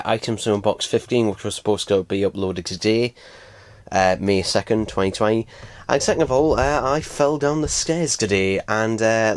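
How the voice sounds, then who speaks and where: In a small room at home, an unboxing vlogger sorts through items while rambling with lots of fillers and casual cursing, sore from a recent fall. His mid-range voice has a darkish tone, recorded on a close desk microphone.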